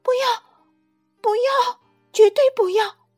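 A woman voicing a small, trusting baby ankylosaur boy in a children's storybook reading, high, eager and pleading. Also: big pitch swings, measured pace, fairly bright tone, soft background music, full character voice.

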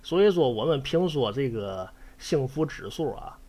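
A man's voice: medium pitch, expressive, normal speed, mellow. A man hosting a storytelling show, chatting in a folksy way and acting out quoted lines. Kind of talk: casual storytelling commentary.

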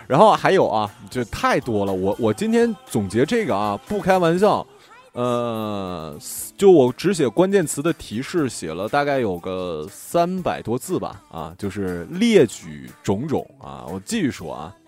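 A man co-hosting a casual chat podcast, talking in an animated, blunt, teasing way and often laughing. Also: medium pitch, measured pace, soft background music. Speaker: podcast co-host.

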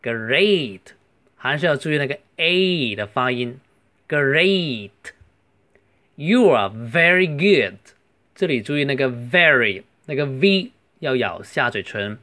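A man, a native Chinese speaker, teaching English pronunciation in a beginner lesson, saying each word slowly and carefully. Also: mid-range voice, expressive, pushed and bright. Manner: slow, careful demonstration of English words. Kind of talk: language lesson explaining pronunciation.

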